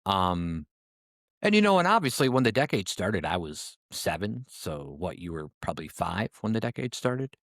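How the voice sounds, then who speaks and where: A man's voice: low voice, big pitch swings, normal speed, fairly bright tone, no room sound. A man in his forties co-hosting a podcast in casual chat, with a dry, self-mocking sense of humor. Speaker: podcast co-host.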